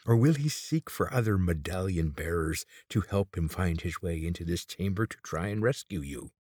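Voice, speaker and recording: A man with a husky low voice reading the lines of a desperate, threatening old man who snaps his commands. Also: expressive, moderate pace, darkish tone, no room sound, studio quality. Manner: snapping, threatening.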